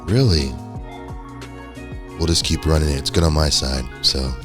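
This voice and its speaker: Very deep man on a clipping mic. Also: moderate pace, music in the background. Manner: rambling, hedging, chuckling. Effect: clipping, distorted microphone. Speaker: podcast host. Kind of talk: casual podcast chat.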